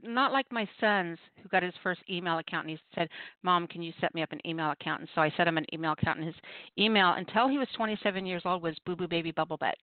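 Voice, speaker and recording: A middle-aged woman hosts a call-in poetry radio show, chatting casually with playful, self-deprecating banter and stories. Her voice is on the low side and quick, coming through a muffled, dry radio call-in line with no room sound.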